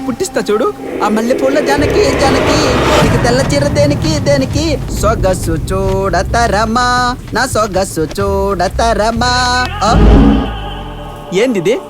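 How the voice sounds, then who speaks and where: Bragging scaredy-cat joker, quick-talking, comic film banter, loud background music. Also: male voice, very high-pitched, lively intonation. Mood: boastful. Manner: boastful, bumbling comic banter. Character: cowardly boastful young man telling ghost story. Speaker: comic sidekick.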